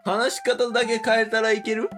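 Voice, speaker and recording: A man's voice: high voice, flat delivery, normal speed, fairly bright tone, faint music behind. A man from Kansai with a Kansai accent, co-hosting a comedy podcast in casual, playful chat and laughing often. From Kansai, Japan. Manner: playful, laughs often, mock-dramatic speeches. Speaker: comedy duo podcast co-host.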